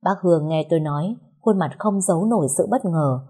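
A woman narrating a first-person story in a somber, measured way. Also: lowish voice, warm tone, slightly rough.

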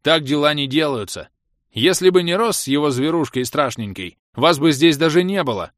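A man's voice: on the high side, animated, moderate pace, fairly bright tone, dry recording, clean studio sound, voice pushed up. A man voicing an indignant young woman in an audiobook. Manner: indignant, heated. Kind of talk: audiobook character voice.

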